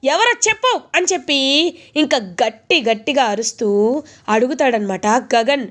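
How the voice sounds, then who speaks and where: A woman's voice: a little high, normal speed. A woman casually retelling a TV serial's story, chatty and full of fillers. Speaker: narrator recapping a TV serial.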